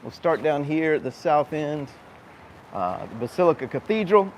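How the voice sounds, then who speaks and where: This tour host speaks at a normal speed in a sing-song voice that runs on the high side, with a darkish tone. Walking through town on a live tour, he explains conversationally and points things out amid noisy urban ambience.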